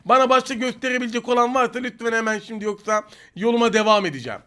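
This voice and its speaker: Excitable high-voiced Turkish gamer man. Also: rapid-fire, background noise. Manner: joking, teasing opponents, excitable outbursts. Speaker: gaming YouTuber. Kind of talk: live gameplay commentary.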